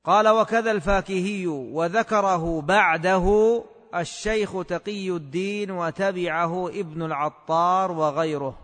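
A man teaching a class on a classical text in a measured, scholarly way, repeating phrases slowly as if for dictation. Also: high-pitched, fairly bright tone, long reverb tail. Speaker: teacher of hadith commentary.

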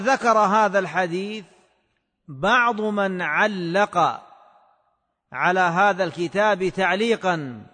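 A man teaching a class on a classical text in a measured, scholarly way, repeating phrases slowly as if for dictation. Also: high voice, a bit bright, big-room sound. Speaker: teacher of hadith commentary.

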